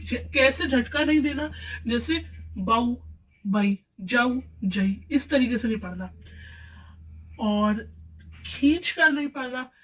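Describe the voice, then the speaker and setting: A woman teaching a beginners' reading lesson, spelling out syllables slowly and patiently, asking questions and answering them herself. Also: sits high, a bit bright, far from the mic, rough recording. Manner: patient and slow, drawing out each syllable, asks and answers her own questions.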